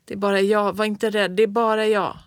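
A reader voicing a stubborn, upset six-year-old farm boy who shouts over a snowstorm. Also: mid-range voice, little pitch movement, no room sound, studio quality, lightly acted. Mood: tearful.

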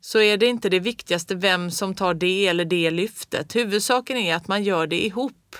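Reader as a stern farm dad, sour, gruff, calling loud over the wind, bright dry tone. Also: mid-range voice, no room sound, lightly acted.

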